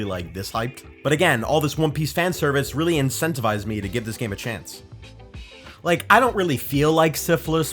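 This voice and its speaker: Brief: young male host, casual review, self-deprecating rambler, mid pitch, animated swings. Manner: rambling, self-mocking, many fillers.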